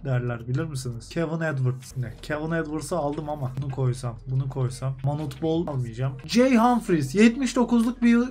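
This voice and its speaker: A man's voice: fairly high pitch, expressive, moderate pace, few pauses, darkish tone. A young man giving rambling, jokey commentary over a basketball game as he plays. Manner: rambling, jokey, talks to himself while choosing players. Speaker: gaming YouTuber. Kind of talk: joking gameplay commentary.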